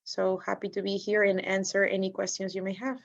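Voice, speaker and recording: Young woman, friendly panel guest, mid-pitched voice, muffled lo-fi call sound. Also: monotone, brisk, creaky. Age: 20s. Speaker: guest consultant. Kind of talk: webinar panel answer. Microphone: video call. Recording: dull lo-fi video call audio.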